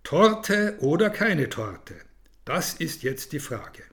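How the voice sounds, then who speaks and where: Expressive male storybook narrator. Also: on the high side, slow pace, creaky. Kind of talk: scripted children's story narration.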